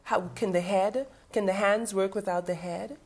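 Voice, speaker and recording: A woman from Trinidad and Tobago, a guest in a TV studio interview, animated and laughing often as she asks rhetorical questions. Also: mid-range voice, normal speed. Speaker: guest, event coordinator.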